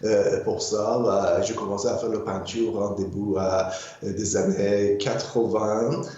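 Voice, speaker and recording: A man's voice: fairly low pitch, flat delivery, slow, warm tone. Hesitant older man, echoey muffled room. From Iran. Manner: hesitant, many fillers and repeated words. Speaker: guest artist. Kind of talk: interview conversation.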